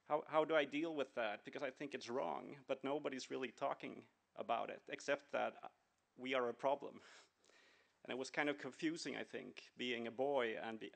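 A man's voice: mid-range voice, creaky, a bit bright. A middle-aged man from Sweden and Venezuela, speaking earnestly at a conference with many fillers and restarts. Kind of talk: conference talk.

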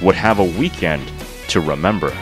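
A man narrating a sports feature in a measured, composed scripted voice-over. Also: deep voice. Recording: voice-over with guitar music behind.

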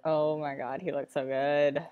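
Slow-talking young woman, hesitant and rambling. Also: sits low, level tone, dull audio, slight background noise. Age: young adult. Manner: hesitant, rambling, trailing off with sighs. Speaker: reaction vlogger. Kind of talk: casual reaction commentary. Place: small bedroom, indoors. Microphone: laptop webcam mic.

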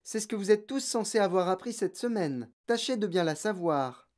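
Narrator doing kind young schoolteacher, patient and firm, lifted lively voice. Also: mid-range voice, moderate pace, voice pushed up, lightly acted. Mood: earnest. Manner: patient, firm, softly reasoning. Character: gentle young female teacher, calm and principled. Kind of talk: audiobook character voice.

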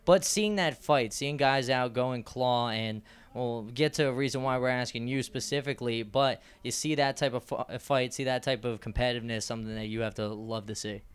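A young adult man conducts a postgame sports interview at a small indoor press backdrop, asking upbeat questions that ramble on at length into his handheld mic. He talks at normal speed in a clean, mid-range voice.

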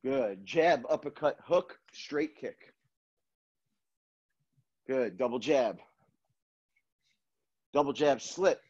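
A man's voice: medium pitch, animated, very slow, pauses often, darkish tone. A man in his thirties coaching a kickboxing class, calling out boxing combos and counts in short clipped commands with encouragement. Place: apartment living room, indoors. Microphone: video call, standing back from laptop. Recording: dull lo-fi video-call audio.

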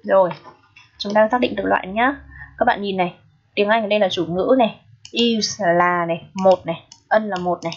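A woman's voice: medium pitch, fairly even intonation, a little fast, muffled recording. A woman English teacher, patiently walking students through an exam review and checking in with frequent rhetorical questions.

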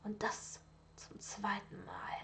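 A woman's voice: takes it slowly, bright, forceful tone, whispered. Woman voicing a haughty aristocratic father. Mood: disdainful. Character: haughty older aristocratic father, contemptuous and cold. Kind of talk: storybook reading.

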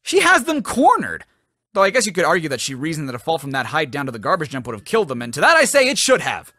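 A man's voice: on the high side, sing-song, rapid-fire, pushed and bright, no room sound. A man giving scripted, nitpicking commentary as a sarcastic game critic.

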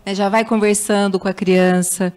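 A woman's voice: mid-range voice, flat delivery, moderate pace, a little mellow, clean tone. A Brazilian woman speech therapist answering interview questions, patiently explaining child language development. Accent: Brazilian Portuguese. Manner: patient, explanatory, acts out parents' baby talk.

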